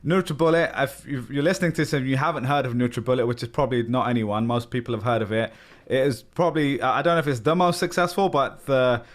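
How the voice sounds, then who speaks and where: A man with an American accent hosting a podcast interview, chatty and friendly, with frequent um and you know. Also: mid-range voice. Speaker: podcast host.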